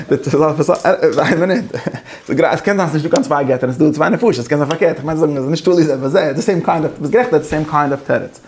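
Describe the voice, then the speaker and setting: A man giving a casual, animated lecture that switches between languages, with many halting restarts. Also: fairly high pitch, slight background noise. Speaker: teacher.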